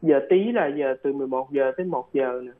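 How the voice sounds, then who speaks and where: A man's voice: mid-range voice, fairly quick. A man explaining things in a casual chat, hesitant and repeating words. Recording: phone-like radio line.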